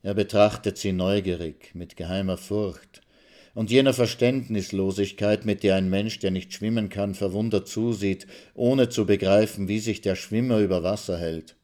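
Low calm guy reading a short story, steady and measured. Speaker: reader of a short story on radio. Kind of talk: literary reading.

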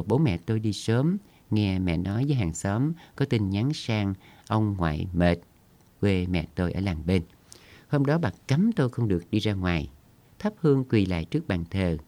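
A man narrates an audio story in a steady, measured way, his voice very low and deep. The reading is scripted and unhurried.

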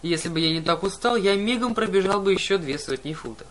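A man narrating an audiobook in a lively first-person storytelling manner. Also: high voice, quick pace, slight background noise. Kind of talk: audiobook reading.

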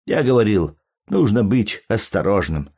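Man doing panicky plump little old guy, high pleading voice, storybook reading. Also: very animated, unhurried, vocal fry, a little mellow, husky, full character voice. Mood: flustered. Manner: flustered, pleading, high-pitched.

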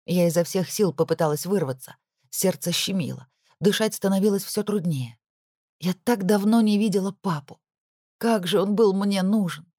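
A woman's voice: mid-range voice, moderate pace, warm tone, no room sound, clean studio sound. A woman narrating a first-person audiobook with emotional, intimate delivery.

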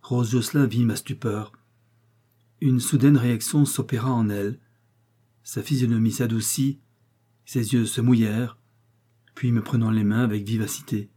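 A male audiobook narrator reads a classic story in a measured, steady way. His voice is dark and mellow, with a husky grain, and sits at an ordinary middle pitch.

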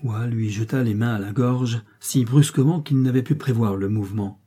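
A husky male narrator reads a classic adventure novel in a measured, dramatic style. His tone is dark and relaxed. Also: medium pitch. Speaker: audiobook narrator.

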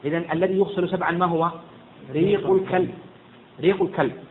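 A man teaching jurisprudence to a class, quizzing and hushing students, often stumbling and repeating words. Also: sits high, fairly even intonation, quick pace. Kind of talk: interactive classroom lesson. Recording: tinny lo-fi with faint noise.

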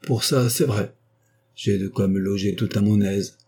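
A man's voice: on the low side, steady tone, unhurried, mellow, husky. A man voicing a curt, suspicious old miser who sells timber, in an audiobook. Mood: wary. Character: gruff miserly old male timber merchant.

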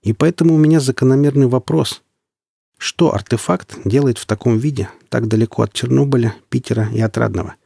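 A man voicing a shrewd, steady male scavenger leader in an audiobook story, giving matter-of-fact warnings. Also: medium pitch, fairly quick, vocal fry, husky, no room sound, studio quality. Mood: calm, knowing.

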